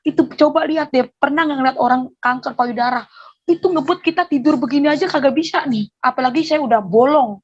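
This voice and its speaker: A woman's voice: high-pitched, a little fast, dull audio. A woman giving a personal faith testimony, telling her story with animation and acting out the dialogue. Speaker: testimony speaker.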